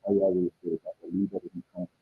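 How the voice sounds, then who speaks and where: A deep-voiced man chats loosely with his viewers on a livestream. His voice is husky, and the dull audio makes him sound muffled, as if through a wall. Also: level tone, rapid-fire. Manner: laid-back, rambling, talks straight to his viewers. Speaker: livestream host. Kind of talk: casual livestream chat.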